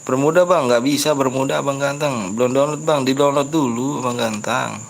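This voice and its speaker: A man's voice: medium pitch, a little fast, gravelly. A man with a Betawi Jakarta accent hosting a casual live game stream, chatting with viewers, reading their comments and lecturing rude ones on politeness.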